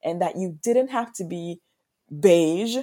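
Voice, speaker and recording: A woman from Ghana speaks as a guest on a podcast interview, working through her answers thoughtfully. Her voice sits a little low and sounds warm and mellow. She often restarts her phrases and checks in with a quick "right?". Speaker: author and guest.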